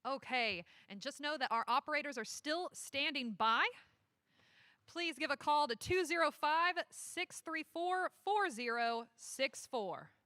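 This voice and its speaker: A woman's voice: sits high, animated, a little slow, background noise. A woman hosting a live telethon, reading award nominees and a donation phone number, giggling between announcements. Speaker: telethon host.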